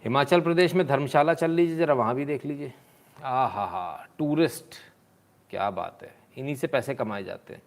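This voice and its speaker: A man's voice: fairly high pitch, brisk. A man hosting a live stream, commenting sarcastically on video clips and answering viewers' comments in a mocking, scolding way.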